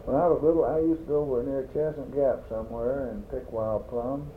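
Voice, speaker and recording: A man's voice: medium pitch, fairly even intonation, brisk. An older man, chatting and reminiscing in a blunt, plain-spoken way. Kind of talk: casual chat, reminiscing. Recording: echoey, phone-like, faintly noisy room recording.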